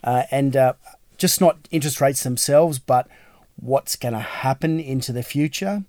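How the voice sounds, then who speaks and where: A man's voice: medium pitch, normal speed, darkish tone, no echo, studio quality. An Australian man hosting a casual podcast interview in a matey, plain-spoken, blokey way. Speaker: podcast host, real estate agency owner.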